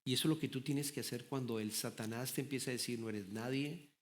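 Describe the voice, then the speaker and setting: A man's voice: medium pitch, fairly even intonation, fast talker. A middle-aged man preaching a sermon with passion, repeating and restarting words. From Latin America. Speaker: pastor.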